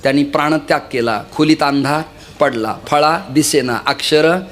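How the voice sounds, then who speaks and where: A man's voice: fairly high pitch, moderate pace. A man preaching a kirtan sermon, telling stories and repeatedly urging the audience to listen. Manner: lively storytelling, often urging listeners to listen.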